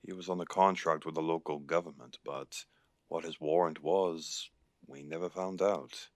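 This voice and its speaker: Man playing deep-voiced Irish werewolf alpha, Lucius. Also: steady tone, normal speed, no echo, studio quality. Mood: guarded, grave. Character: male werewolf alpha from Ireland, guarded, seasoned pack leader. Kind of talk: audio roleplay acting.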